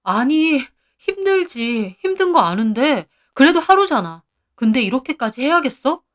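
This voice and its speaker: Anxious young husband, pleading and placating, high-ish voice, as a woman reads him. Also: very animated, a little slow.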